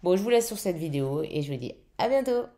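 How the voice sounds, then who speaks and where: A woman's voice: fairly low pitch, animated, fast talker, dark tone. A young woman chatting casually in a vlog, swearing freely and using lots of fillers, her throat still a little weak. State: throat slightly weak after intubation. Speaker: vlogger.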